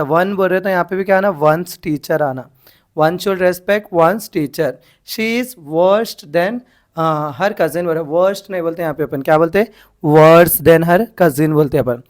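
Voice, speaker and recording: Man tutoring English grammar. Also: high-pitched. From India. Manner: spells out words letter by letter, repeats rhetorical questions. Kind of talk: exam-prep lesson.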